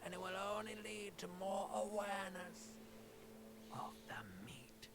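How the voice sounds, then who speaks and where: An actress voicing a female limbic system in a game, in a slow, eerie, insinuating whisper, as whispered role-play. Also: medium pitch, sing-song, noisy background. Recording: game audio with ambience.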